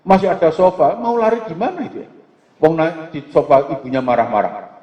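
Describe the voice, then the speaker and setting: A middle-aged man, giving a religious lecture to parents in a joking, lively way that keeps asking for agreement. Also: a little high, fairly quick. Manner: joking, lively, asks "ya kan?" often. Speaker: preacher. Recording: echoey hall, dull lo-fi sound.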